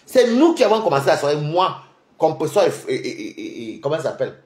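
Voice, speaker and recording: A man's voice: on the high side, very animated, darkish tone. A young man ranting on a livestream in a taunting, mocking way. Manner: taunting, mocking, rapid-fire. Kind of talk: heated livestream rant. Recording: echoey room.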